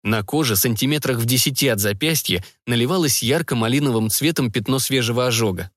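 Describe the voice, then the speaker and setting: A man narrating a science-fiction audiobook in a steady storytelling manner. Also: mid-range voice, fairly quick, no echo, clean studio sound. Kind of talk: scripted narration.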